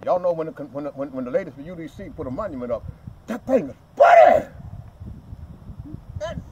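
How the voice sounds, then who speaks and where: An older Southern US man speaks at a memorial event held outdoors at a cemetery, delivering a fervent, folksy address and talking right to the crowd with lots of animation. He sounds a little high and a little fast, with some hiss or hum in the background.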